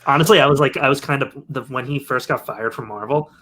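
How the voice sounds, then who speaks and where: A man co-hosting a casual podcast, upbeat and quick to laugh. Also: mid-range voice, sharp tone, a little hiss or hum. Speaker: podcast co-host. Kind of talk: casual chat.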